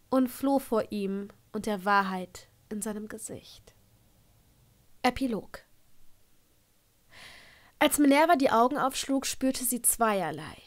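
A woman narrating a fan-fiction audiobook in a calm, even storytelling voice. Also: fairly high pitch. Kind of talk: reading fan fiction aloud.

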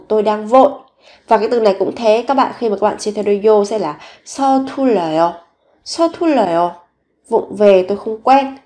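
A woman gives a recorded Korean vocabulary lesson in a mid-pitched voice. She speaks slowly and patiently, saying each word several times. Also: mellow. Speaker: Korean language teacher.

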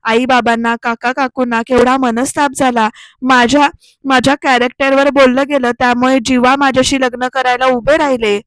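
Woman reading a stressed young wife from a tv serial, snappy, highish voice. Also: flat delivery, normal speed, a bit bright, dry recording. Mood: distressed. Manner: agitated, snapping questions. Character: tense young wife, shocked and overwhelmed.

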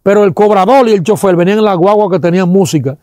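A man with a Dominican accent giving an animated testimony, acting out sounds and quoting people, with religious exclamations. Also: high-pitched, fast talker, dry recording, studio quality.

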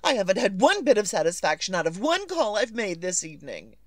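A woman's voice: medium pitch, big pitch swings, fairly quick, dry recording, clean studio sound. A woman playing a nervous, demanding bedridden wife in old-time radio suspense style, fretful and imperious, stammering and repeating herself. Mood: irritated, demanding. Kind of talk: 1940s radio suspense acting.

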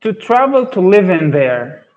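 A university student from Afghanistan, a man in his twenties, practises speaking during a casual video call from an indoor room, halting often as he searches for words and using non-native phrasing. His voice is high-pitched and very animated with a darkish tone. The audio, picked up by an earphone headset, sounds dull.

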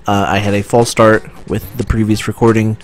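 A young man giving casual, chatty commentary while playing a video game, often excited and restarting his sentences. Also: lowish voice, normal speed. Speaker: let's play commentator. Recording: faint game music behind.

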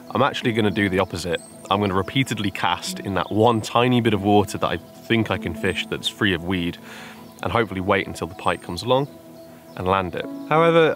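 A young man with a lowish voice chats straight into a close handheld camera outdoors by an overgrown lake. His talk is casual, wry and self-deprecating, and clear music plays under him. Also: a bit bright. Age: young adult. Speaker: fishing vlogger.

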